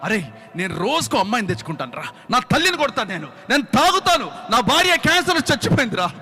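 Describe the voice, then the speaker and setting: A man's voice: a little high, lively intonation, brisk, breathy edge, in a large hall, pitched below the performer's own voice. A man voicing a grieving, drunken rich man who boasts through a tearful confession. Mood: boastful despair.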